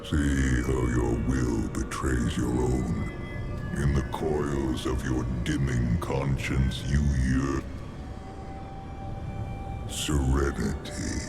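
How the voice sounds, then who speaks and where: An actor playing an ancient, contemptuous cosmic root entity in a video game, speaking in calm, slow, menacing pronouncements with a deep gravelly voice. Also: male voice, heavily acted. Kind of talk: video game villain dialogue. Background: loud game music.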